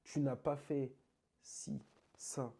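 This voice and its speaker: A man being interviewed about dance, talking in an animated, emphatic, slangy way. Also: mid-range voice, slow, creaky, a crowd in the background. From France. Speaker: interview guest, krump dancer. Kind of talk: casual conversational interview.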